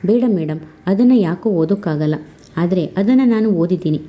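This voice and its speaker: A woman's voice: fairly low pitch, fairly quick, dark tone, natural voice. A woman voicing a shy, nervous young man who talks hesitantly and apologetically. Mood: anxious.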